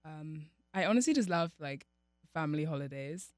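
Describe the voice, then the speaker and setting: A young woman from Nigeria, chatting as a podcast guest in a relaxed way with lots of fillers. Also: low-pitched, normal speed, dry recording, clean studio sound. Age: young adult. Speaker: podcast guest, college athlete. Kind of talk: casual interview chat.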